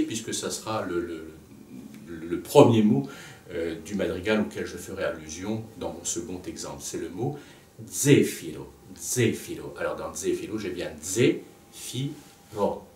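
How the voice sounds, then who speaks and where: A man teaching a music lesson at a blackboard, pausing to think aloud and repeating words to show where the stress falls. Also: sits low. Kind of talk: lecture at a blackboard. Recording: echoey room, voice from a distance, faint background noise.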